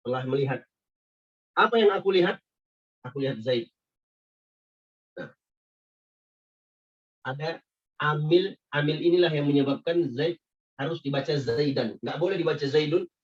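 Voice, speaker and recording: Man teaching grammar, distant lo-fi. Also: fairly high pitch. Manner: patient, repetitive explaining with frequent "ya" checks. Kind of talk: classroom grammar lesson. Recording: muffled lo-fi sound from a distance.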